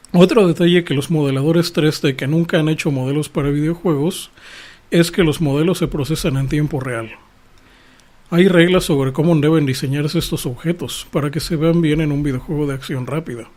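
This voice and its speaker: A man's voice: on the high side, darkish tone. A man hosting a podcast, giving a scripted monologue in an explanatory, lecturing way and speaking straight to his listeners. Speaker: podcast host.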